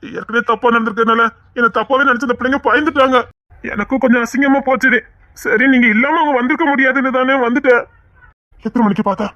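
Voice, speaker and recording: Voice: medium pitch, steady tone, fast talker, bright, forceful tone, no room sound, highs cut off. A reader voicing the men of a dramatic family story, urgent and questioning. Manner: urgent, questioning, rough colloquial. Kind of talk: dramatic audio story reading.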